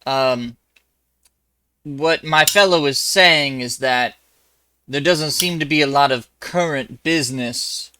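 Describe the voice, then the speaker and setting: A man voicing a meek, deferential crewman who talks slowly and politely, hedging apologetically. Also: mid-range voice, pushed and bright, a little hiss or hum. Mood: timid.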